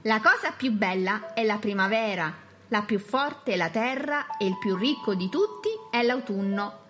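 Quick-witted cheerful young country woman read by a woman, animated delivery, faint music. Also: medium pitch, close to an everyday voice. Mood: playful. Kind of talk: audiobook character voice.

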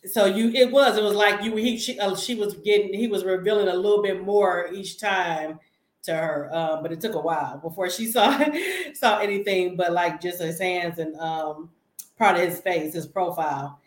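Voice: mid-range voice, fairly even intonation, normal speed. An interview host asking questions casually, rambling and restarting often. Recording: roomy, echoey sound.

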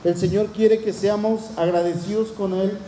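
A man's voice: sits high, fairly even intonation, moderate pace, warm tone, a little hiss or hum. A man preaching a sermon in earnest, often asking the congregation questions. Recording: echoey room.

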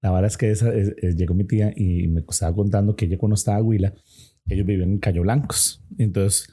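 A man's voice: fairly low pitch, steady tone, quick pace, dark tone, slightly rough. Laid-back Costa Rican man telling a story. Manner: rambling, full of slang and restarts. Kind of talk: casual storytelling chat.

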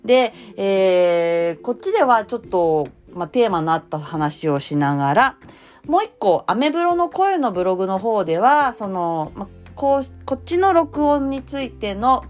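Chatty woman with a lively, bouncing voice. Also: medium pitch, faint music behind. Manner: cheerful, chatty, lots of fillers; deliberately raised, bright speaking tone. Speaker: voice blogger. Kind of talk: casual spoken advice.

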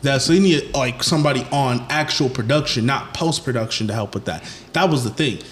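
A man's voice: mid-range voice, a little fast, a little hiss or hum. A young man co-hosting a podcast, joking bluntly and using slang in casual chat. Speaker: podcast co-host.

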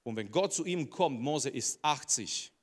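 A man's voice: mid-range voice, expressive, a little slow, husky. A male preacher giving an emphatic sermon, repeating phrases and putting rhetorical questions to the audience. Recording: long reverb of a large hall.

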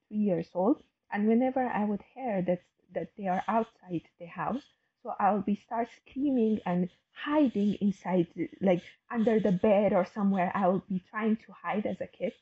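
Woman in her twenties as interview guest, hesitant and halting, husky voice, dull muffled sound. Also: medium pitch. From Afghanistan. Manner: hesitant, many fillers and restarts. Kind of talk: casual interview talk.

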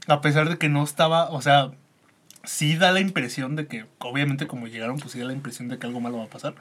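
A Mexican man in a casual podcast chat, telling a rambling story that trails off softly. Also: mid-range voice, fairly even intonation, fast. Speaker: podcast co-host.

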